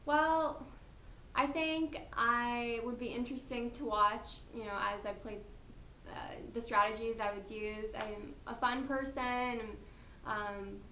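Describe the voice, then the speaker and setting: A woman's voice: on the high side, fairly even intonation, takes it slowly, pushed and bright, echoey room, a little hiss or hum. A woman in her twenties answering casting interview questions in a chatty, giggly, slightly nervous way. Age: 20s. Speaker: reality show applicant.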